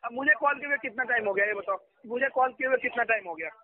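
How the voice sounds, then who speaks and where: A man with a very high voice scolds a customer in a rushed, agitated burst, over and over demanding to be heard. He talks quickly and cuts in constantly. The sound comes through a tinny phone line. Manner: agitated, keeps repeating "listen to me", talks over the other man. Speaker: loan recovery agent. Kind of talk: heated phone argument. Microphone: phone call.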